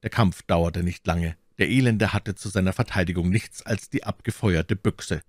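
A man narrating a classic novel as an audiobook reader in a measured storytelling manner. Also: deep voice, dry recording, studio quality.

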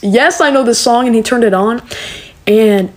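A teenage girl rants to her phone camera in a casual vlog, sarcastic and quick to mock. Her voice sits fairly high for a woman. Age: teens. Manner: sarcastic, animated storytelling with mocking voices. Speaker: TikTok creator.

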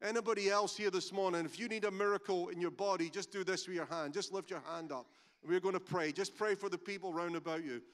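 A Scottish man leads a church service as its pastor, his voice sitting high for a man. He preaches emphatically in a conversational way, moving between stories and prayer. The sound carries the long reverberation of a large church hall. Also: steady tone, fast, fairly bright tone. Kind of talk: sermon with storytelling and prayer.

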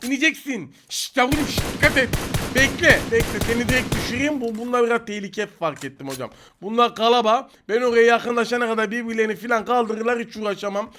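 A young man with a Turkish accent giving joking, excitable commentary over his own gameplay, teasing opponents. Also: very high-pitched, quick pace, slight background noise. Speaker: gaming YouTuber.

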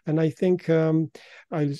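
A man with as his hosting an interview, asking polite, appreciative questions with lots of pauses and fillers. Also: fairly high pitch, level tone, warm tone, no echo. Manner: hesitant, many fillers and restarts, polite and appreciative. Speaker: interviewer and channel host.

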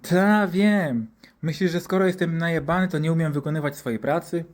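A man's voice: on the high side, normal speed, a little mellow, close to an everyday voice. A man voicing a crude, drunk, boastful male doctor who swears constantly and swaggers.

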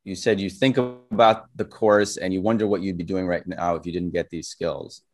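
A man in his thirties hosting a casual video call interview, relaxed and friendly, with hesitant "uh" and "um". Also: low voice, moderate pace. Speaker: interview host, course creator. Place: room at home with red curtains. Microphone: webcam or laptop mic on video call.

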